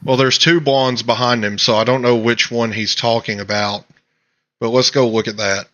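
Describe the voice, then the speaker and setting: Male host, mid-pitch, forceful bright tone, emphatic ranting commentary. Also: steady tone, moderate pace. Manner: emphatic, ranting, trailing restarts. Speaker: podcast host. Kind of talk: casual political commentary.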